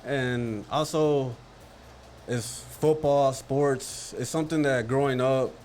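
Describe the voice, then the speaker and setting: A man's voice: mid-range voice, slow pace, slight background noise. Joking podcast guy from Dallas. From Dallas, Texas. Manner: joking, animated, laughs easily. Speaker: podcast co-host. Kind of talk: casual sports chat.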